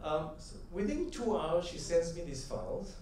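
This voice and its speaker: Telling stories to a convention crowd, a middle-aged man uses a slightly raised, mellow, somewhat high voice with big pitch swings at a moderate pace. His motivational talk is conversational, peppered with "right?" and building to rhythmic, emphatic punchlines. He's far from the mic, his words ringing through a big, echoey hall over a faint room murmur and slight background noise.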